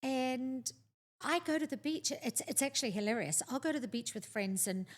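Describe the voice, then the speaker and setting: A middle-aged woman from New Zealand, co-hosting a casual talk show and telling stories in an animated, chatty way. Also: sits high, normal speed. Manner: animated storyteller, chatty and expressive. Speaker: podcast co-host. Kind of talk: casual chat.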